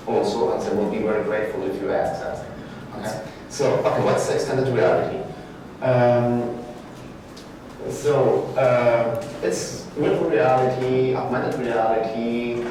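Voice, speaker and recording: In a big indoor event room with brick walls, a middle-aged Peruvian art lecturer delivers a guest conference presentation in mid-range voice, his English hesitant and full of word searches and self-corrections. No microphone is used, only a distant room camera, leaving strong echo and background noise.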